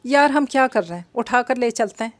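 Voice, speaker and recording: Jittery young street men, voiced by a woman narrator, wary and muttering, slightly high, dry read. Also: lively intonation, fairly quick, no room sound, natural voice. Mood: scheming.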